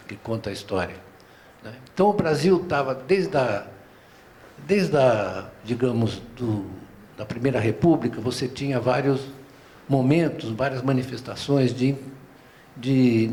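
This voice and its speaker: An older man from São Paulo with a Paulistano accent, talking at a relaxed, unhurried pace on a round-table panel. His mid-pitched voice comes through a stage microphone in a museum auditorium, with a faint hiss behind it. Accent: Paulistano Brazilian Portuguese. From São Paulo, Brazil. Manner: unhurried, discursive, frequent "né?" tags and restarts.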